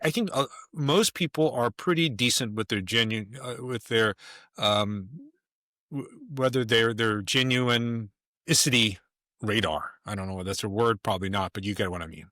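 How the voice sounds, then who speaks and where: Bright-voiced man, emphatic and rambling. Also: medium pitch, moderate pace, dry recording, studio quality. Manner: emphatic, rambling with frequent restarts. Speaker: podcast guest. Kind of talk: casual conversation.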